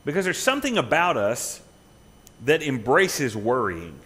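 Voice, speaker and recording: A man's voice: mid-range voice, wildly swooping pitch, unhurried, fairly bright tone. A middle-aged man, a pastor, preaching a sermon in a church, conversational, with rhetorical questions and emphatic peaks. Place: church sanctuary.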